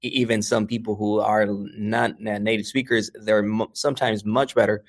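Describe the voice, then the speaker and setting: A man on the low side of pitch, with little pitch movement and normal speed, speaks with a Mexican American accent. He's a language educator from New York, talking casually in an interview, peppering his thoughts with "right?" and "uh" and restarting often.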